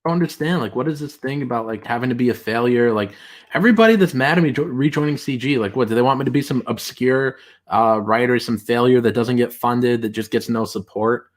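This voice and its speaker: A man hosting a casual livestream, reading chat aloud in a rambling, halting way with many fillers. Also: mid-range voice.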